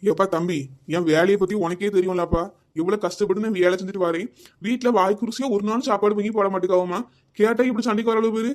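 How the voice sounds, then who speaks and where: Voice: mid-range voice, fairly even intonation, fast, close to an everyday voice. A performer playing a village husband who complains about his wife's cooking, scolding in a comic skit. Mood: grumbling. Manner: scolding, complaining, calls out names. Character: grumbling village husband, fussy about food.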